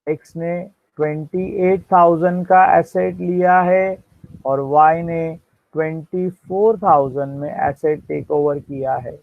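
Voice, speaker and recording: Indian male accounts teacher, slightly high voice, unhurried dictation, quizzes the class, narrow dry recording. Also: steady tone, gravelly, no echo. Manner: dictates entries slowly, quizzes students. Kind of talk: classroom lecture mixing Hindi and English. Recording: dry, tinny phone-like sound.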